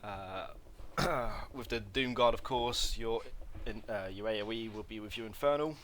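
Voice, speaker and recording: A game guide presenter talks through a casual gameplay tutorial, rambling, correcting himself, and leaning on lots of fillers. His voice is fairly low and fairly bright, moving at a measured pace, and a slight cough betrays some throat irritation. A little hiss or hum sits under the recording.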